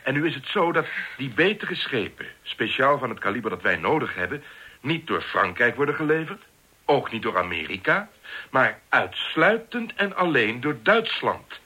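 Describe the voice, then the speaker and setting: Worldly explainer, bright and husky. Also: male voice, mid-range voice, very animated, moderate pace, exaggerated voice. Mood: explaining. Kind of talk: 1960s radio drama.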